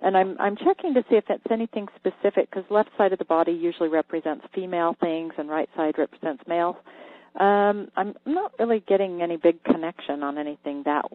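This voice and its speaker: A radio host giving an energy healing reading to a caller, calm and halting, sometimes dropping to a whisper while checking. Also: mid-range voice, dry recording. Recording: thin phone-like line, dry.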